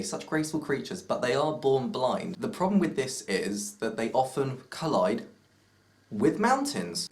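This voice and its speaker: Rambling young man vlogging. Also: fairly low pitch. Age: young adult. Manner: playful mock-serious tangents. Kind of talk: rambling casual vlog.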